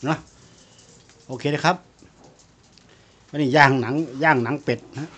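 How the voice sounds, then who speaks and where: A man's voice: a little high, unhurried, fairly bright tone. Chatty Isan Thai man grilling outdoors. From Northeast Thailand. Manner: chatty, addresses viewers as brothers and sisters. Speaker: cooking vlogger. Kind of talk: casual cooking vlog talk.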